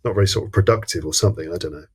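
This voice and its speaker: A man with a fairly low voice chats casually about a comedy film on a podcast. He talks in a thoughtful, hesitant way, restarting his sentences as he works out his point. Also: very fast, husky. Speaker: podcast co-host. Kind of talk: casual film review chat.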